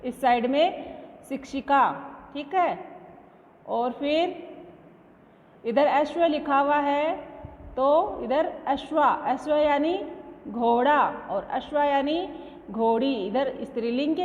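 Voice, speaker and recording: A woman teacher walks a class through an exercise, patiently posing each question and then supplying the answer. Her voice sits high. The recording is dull and lo-fi, with a long reverb trailing behind her. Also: slow pace, pauses often, a little mellow. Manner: patient, asks questions and answers them herself. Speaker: school teacher. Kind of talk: online class lesson.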